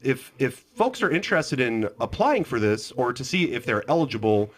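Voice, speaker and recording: A man's voice: medium pitch, big pitch swings, moderate pace, a bit bright, breathy edge. A man hosting a local radio interview show, asking questions in a conversational way with small restarts.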